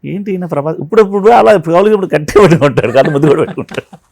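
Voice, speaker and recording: Fast-talking man telling film-set stories. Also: a little high, vocal fry, dry recording. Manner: animated storyteller who acts out quoted dialogue. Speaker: film artist and art director, interview guest. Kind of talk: anecdotal interview storytelling.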